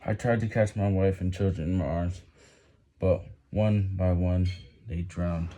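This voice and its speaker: A man reading a written text aloud haltingly and with effort while doing push-ups, with some background noise. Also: low-pitched, fairly even intonation, mellow. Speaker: reader.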